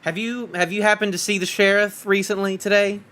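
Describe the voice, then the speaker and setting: A man chatting casually as a tabletop game player, excitable and halting. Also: sits high.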